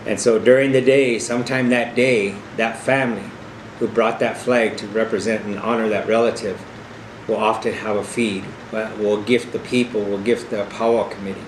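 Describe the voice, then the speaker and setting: An older man speaks in a fairly low voice, giving an earnest, informal educational talk. He explains as an experienced arena director, returning to emphatic phrases. The room rings with echo, and a steady noise sits clearly behind him. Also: normal speed. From South Dakota, United States. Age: middle-aged or older. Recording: echoey room with clear steady background hum.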